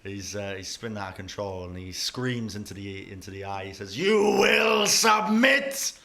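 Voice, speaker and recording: A man's voice: sits low, flat delivery, fairly quick, fairly bright tone. A man narrating as dungeon master in a loose, casual way full of fillers. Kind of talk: narrating a tabletop game.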